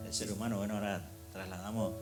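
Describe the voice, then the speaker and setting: Older guy musing slowly about faith, lowish voice, guitar playing behind. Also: fairly even intonation. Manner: slow, reflective, many hesitant fillers. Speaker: discussion leader. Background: guitar music.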